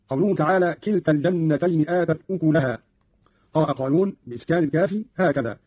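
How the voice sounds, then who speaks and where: A man reading scripted explanations on the radio in a brisk, matter-of-fact way, quoting verses as he goes. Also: a little high, husky, no room sound. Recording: dull lo-fi radio archive recording.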